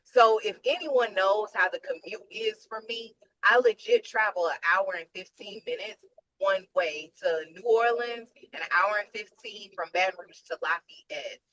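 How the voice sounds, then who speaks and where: Female caller, weary and blunt, bright voice, video-call audio. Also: medium pitch, normal speed, dull audio. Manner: tired, frank, emphatic. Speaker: nurse and webinar attendee. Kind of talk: casual venting on a video call.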